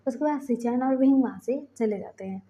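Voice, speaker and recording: A woman's voice: fairly high pitch, fairly quick, warm tone. A woman casually narrating her own fan fiction, chatty and full of fillers as she retells each scene. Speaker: storyteller. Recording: dull lo-fi voice recording.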